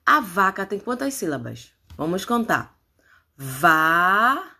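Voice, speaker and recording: A woman teacher leading a phonics lesson for young children, stretching out syllables and coaxing them to answer. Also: mid-range voice. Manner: slow, drawn-out syllables, animated coaxing.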